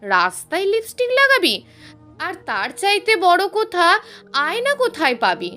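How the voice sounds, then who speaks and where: A woman's voice: very high-pitched, wildly swooping pitch, unhurried, pushed and bright, soft background music, pitched above the performer's own voice, heavily acted. A woman voicing a chatty, teasing young female classmate.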